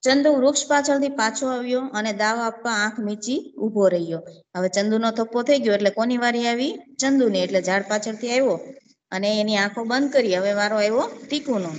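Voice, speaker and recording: Teacher lady reading a kids story, chatty, asks questions and answers them, slightly high voice. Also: brisk. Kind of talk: reading and explaining a children's story.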